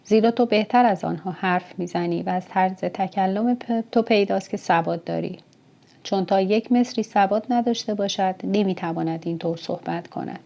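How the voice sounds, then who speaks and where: A woman voicing a calm young foreign male chariot driver in an audiobook, reading his lines plainly and evenly. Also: medium pitch, vocal fry, natural voice. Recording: dull, muffled audiobook recording.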